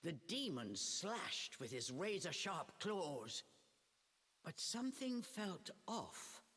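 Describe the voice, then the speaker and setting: A performer playing a storybook narrator in a video game, telling a dark fairy tale in a theatrical, measured way. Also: medium pitch, big pitch swings, husky, full character voice. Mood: dramatic, measured.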